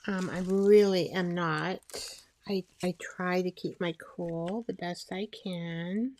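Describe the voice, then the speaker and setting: A woman chatting casually as she makes a collage, rambling and talking to herself while she glues, her voice soft and sometimes dropping to a whisper. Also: lowish voice, fairly even intonation, takes it slowly. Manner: soft-spoken, drifting into whispers. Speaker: collage artist. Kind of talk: casual crafting narration.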